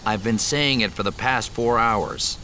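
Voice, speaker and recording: A steady, gruff spacer with a deep voice and dry, measured delivery, as a male narrator puts him on. Faint noise hums underneath. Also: poor audio.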